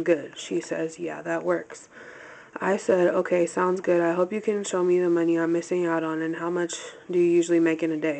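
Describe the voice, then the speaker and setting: A woman tells a story by reading text messages aloud, one after another, in a matter-of-fact way, pausing now and then to clear her throat. Her voice sits low and carries a steady vocal fry. She keeps an even, flat delivery throughout. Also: rough recording.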